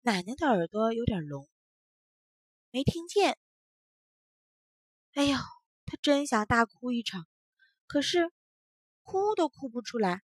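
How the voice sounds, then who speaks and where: A woman reading a children's story aloud with expressive, animated delivery. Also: fairly high pitch, slightly rough, no room sound, studio quality.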